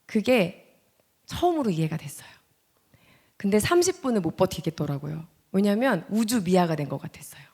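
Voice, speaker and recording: A woman in her thirties gives a church testimony as a guest speaker. She tells her story with strong feeling and acts out her own past words. Her voice swings from loud, heated lines to hushed ones that drop close to a whisper. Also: medium pitch, sing-song, moderate pace, breathy edge. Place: church sanctuary.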